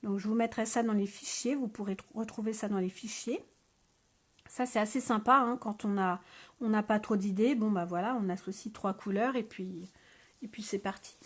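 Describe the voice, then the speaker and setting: A woman's voice: medium pitch, steady tone, normal speed. A woman hosting a scrapbooking live stream, chatting casually with viewers with many hesitations and fillers, speaking French. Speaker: scrapbooking channel host. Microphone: phone.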